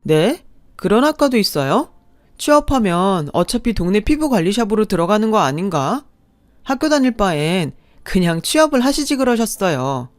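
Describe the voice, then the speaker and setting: A woman's voice: medium pitch, very animated, moderate pace, no room sound, studio quality, natural voice. A woman voicing a smug, condescending young brother-in-law with a sneering, mock-polite way of talking.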